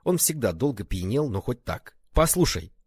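Husky-voiced man narrating a story. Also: fairly low pitch, animated, fairly quick, a little mellow, dry recording, studio quality. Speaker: audiobook reader. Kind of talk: scripted narration.

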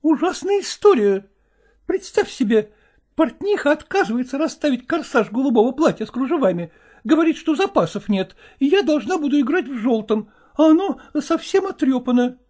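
A man reading a story aloud, voicing a jealous, demanding actress wife who scolds and shouts at her husband. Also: extremely high pitch, sing-song, normal speed. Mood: complaining. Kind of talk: audiobook character voice.

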